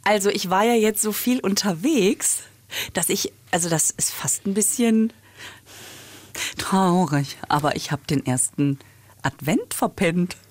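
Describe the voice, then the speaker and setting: A woman's voice: medium pitch, lively intonation, unhurried. A woman co-hosting a podcast in casual, playful chat, laughing often. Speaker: podcast co-host.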